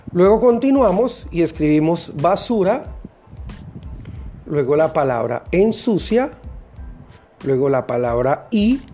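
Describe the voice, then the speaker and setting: A teacher gives a recorded lesson for children, speaking in a patient, deliberate way and spelling out each step. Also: mid-range voice, mellow.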